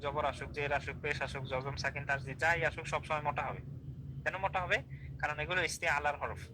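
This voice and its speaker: A man's voice: fairly high pitch, steady tone, fast talker, noisy background. A man teaching an online class, explaining step by step, repeating drills and asking checking questions. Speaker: Quran recitation teacher.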